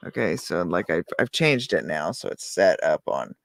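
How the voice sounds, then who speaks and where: A man's voice: sits low, sing-song, normal speed, gravelly, fairly bright tone, no echo, studio quality. A man chatting and telling stories casually in a laid-back stoner manner. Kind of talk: casual chat and storytelling.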